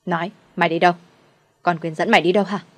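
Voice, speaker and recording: A woman's voice: fairly low pitch, fairly even intonation, fast talker, a bit bright. A woman narrator voicing a cruel, scheming older mother-in-law with harsh scolding and fake sweetness in a storybook reading. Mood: shouting angrily.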